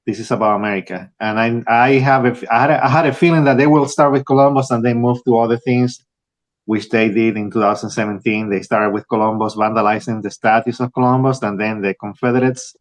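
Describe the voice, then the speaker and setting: A younger man from Rico, answering interview questions as an author, halting with many restarts. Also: medium pitch, steady tone. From Puerto Rico. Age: young adult. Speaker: author guest.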